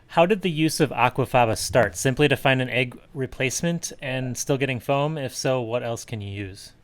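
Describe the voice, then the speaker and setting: A man with a smooth, resonant, mid-pitched voice reads viewers' questions aloud during a casual online cocktail class. His delivery is plain and matter-of-fact. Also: moderate pace. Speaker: co-host reading viewer questions.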